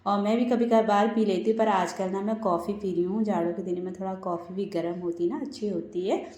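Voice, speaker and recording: A woman's voice: mid-range voice, steady tone, fairly quick, a little mellow. A woman vlogger and mother giving a chatty, casual voice-over of her daily routine, often talking to viewers as friends. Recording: roomy echo with faint background music.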